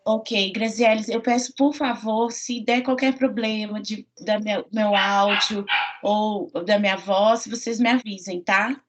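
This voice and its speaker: A middle-aged university professor with a Minas Gerais Portuguese accent gives a friendly online lecture, full of fillers and tag questions. Her mid-range voice is unhurried with fairly even intonation, and the computer mic on the video call yields dull, lo-fi audio with background noise.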